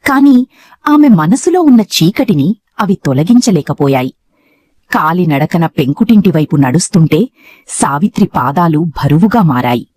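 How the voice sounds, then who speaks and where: A woman narrating a dramatic family story in an emotive, expressive way. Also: lowish voice, moderate pace.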